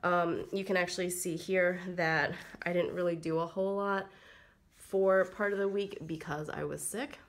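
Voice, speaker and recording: Still a bit froggy as she recovers from a cold, this woman walks through her planner in a relaxed plan-with-me video. Her voice is on the low side, with fairly even intonation and a moderate pace, peppered with ums and likes.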